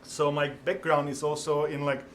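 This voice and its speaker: Speaking in a monotone, slightly high voice, this middle-aged man from the Czech Republic runs a restaurant and talks informally in an interview. He has a Czech accent and a halting manner, leans on fillers, and laughs easily. There is slight background noise.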